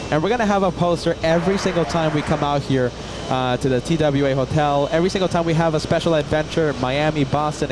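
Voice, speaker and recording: A man hosting a casual live plane spotting stream, addressing viewers and repeating himself for emphasis. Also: fairly high pitch. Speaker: livestream host. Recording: steady outdoor ambient noise.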